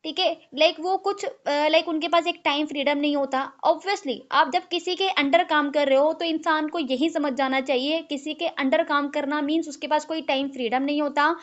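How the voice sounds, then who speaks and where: High-pitched woman trainer, code-switching, many filler okays, lo-fi call audio. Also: steady tone. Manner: mixes English and Hindi, fills with "ठीक है"; slows down to spell out key terms. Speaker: online team trainer. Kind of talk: live online training session. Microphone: video call.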